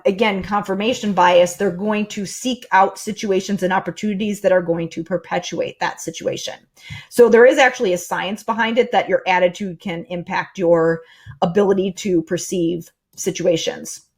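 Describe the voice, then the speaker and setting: A middle-aged woman speaks into a desk mic during a live stream, in a mid-range voice. She talks casually and thinks out loud, with plenty of fillers and restarts. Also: medium pitch. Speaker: host.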